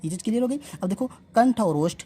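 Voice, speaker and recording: A woman's voice: mid-range voice, expressive, fast, warm tone, husky. A woman teaching an exam-prep lesson, drilling letter sounds aloud and asking questions she then answers herself. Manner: addresses viewers as friends.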